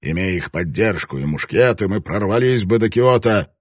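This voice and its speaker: A male reader voicing a furious, bullying samurai lord who barks and shouts his lines in an audiobook. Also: on the low side, animated, moderate pace, no echo, clean studio sound. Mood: scheming, harsh. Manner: barking, bullying, explosive shouting. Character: furious proud samurai lord, middle-aged man. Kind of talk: audiobook character reading.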